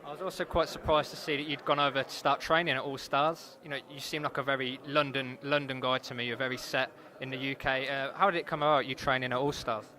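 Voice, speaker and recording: A man's voice: medium pitch, fairly even intonation, quick pace, few pauses, bright, forceful tone. A man working as an interviewer, asking conversational questions about sport. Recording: crowd chatter behind, urban venue.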